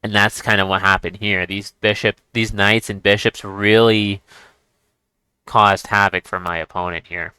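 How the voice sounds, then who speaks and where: A man's voice: fairly low pitch, steady tone, measured pace, sharp tone, clear, resonant tone, no room sound. A man giving casual chess commentary as he plays, thinking aloud and restarting his sentences. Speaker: chess streamer.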